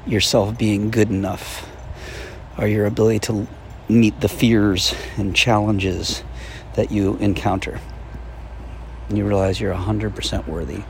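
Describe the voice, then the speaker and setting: A man giving a guided motivational mindfulness talk, speaking deliberately with long pauses, recorded outdoors in a busy park. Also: on the low side, vocal fry, darkish tone, a little hiss or hum. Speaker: self-help meditation coach. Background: park background sounds, passing vehicles.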